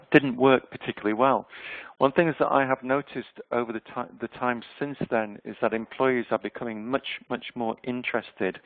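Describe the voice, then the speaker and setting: Heard on a webinar microphone, a man in his fifties from Yorkshire, England gives an online presentation, chatting in his Yorkshire accent with frequent ums. His voice is medium in pitch, and the recording is dry, tinny, and phone-like.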